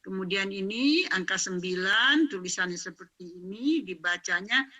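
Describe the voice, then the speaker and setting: A woman teaching young children, speaking slowly and drawing out words so they can repeat them. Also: medium pitch, lively intonation, bright, forceful tone, distant mic. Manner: slow, drawn-out, clear enunciation for pupils to repeat. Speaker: Arabic teacher.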